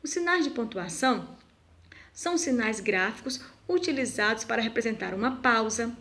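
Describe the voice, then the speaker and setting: A woman teacher giving a recorded video lesson to schoolchildren, speaking slowly and deliberately and asking the pupils questions. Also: fairly high pitch, lively intonation, a bit bright, a little hiss or hum. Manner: slow, deliberate, asks pupils rhetorical questions.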